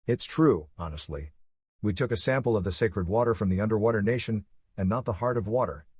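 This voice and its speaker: A man playing a scared young pirate in a fantasy audio novel, pleading and eager to please. A low, husky voice, close and dry. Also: brisk, a little mellow, dry recording.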